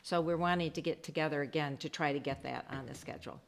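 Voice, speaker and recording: At a council meeting, a woman village trustee gives a chatty report in a loud, low-pitched voice that stays steady and creaky, with many pauses and ums.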